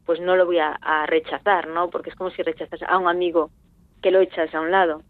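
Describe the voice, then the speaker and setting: A woman's voice: on the low side, level tone, fairly quick, dry recording. Woman on a tinny phone line. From Spain. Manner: reflective, searching for words. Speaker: veterinarian at a chimpanzee sanctuary. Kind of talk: interview answers.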